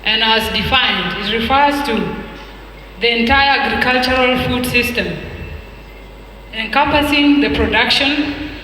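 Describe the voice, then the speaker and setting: High, slow South Sudanese man in a hall. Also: pushed and bright, a little hiss or hum. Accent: South Sudanese English. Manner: deliberate, emphatic, rhetorical questions and repetition. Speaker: speaker at an expo launch. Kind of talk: formal public speech. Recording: echoey hall with long reverb.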